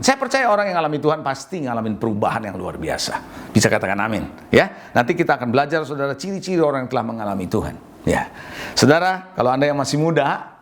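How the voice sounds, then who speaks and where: A middle-aged man from Indonesia preaching a lively sermon, calling out to the congregation for responses and acting out quotes. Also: a little high, gravelly. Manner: lively preaching with audience call-outs and acted quotes. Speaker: pastor.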